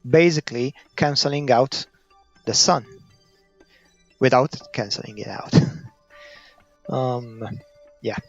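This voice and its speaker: With long pauses and a slow pace, a gaming video creator from Malta narrates his play without a script, his Maltese accent carrying a creaky, gravelly voice as he thinks aloud, hesitates and trails off searching for words. Light music plays behind the dull, muffled low-fidelity recording, which has no room sound.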